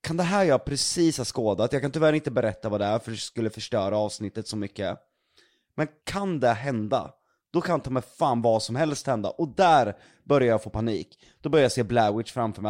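Man, podcast co-host, excitable storyteller, swears freely, mid-pitched voice. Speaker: podcast co-host, ghost hunter. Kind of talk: casual podcast chat.

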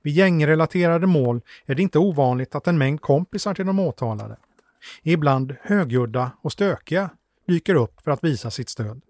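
A man giving calm, measured, scripted narration as a documentary narrator. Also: a little high, dry recording.

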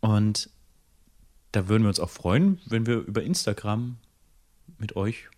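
A woman co-hosting a casual podcast chat in relaxed, playful banter. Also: extremely low pitch, measured pace. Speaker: podcast co-host.

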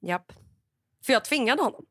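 Podcast co-host: middle-aged woman, lively storyteller who acts out her quotes, dry close mic. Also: a little high, breathy edge, no room sound. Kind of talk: casual podcast chat.

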